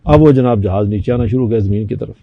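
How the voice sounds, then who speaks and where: A man's voice: fairly low pitch, gravelly, no echo, highs cut off. An older man from Pakistan, a talk show guest, telling a personal anecdote and acting out the people in it. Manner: animated anecdote telling with quoted voices.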